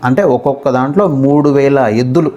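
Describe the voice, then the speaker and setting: Man, Telugu-accented English, English teacher, slow careful reading of examples, quick explanations, repeats phrases, mid-pitched voice. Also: fairly even intonation, dark tone, dull audio. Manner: reads English examples slowly and deliberately, then explains quickly.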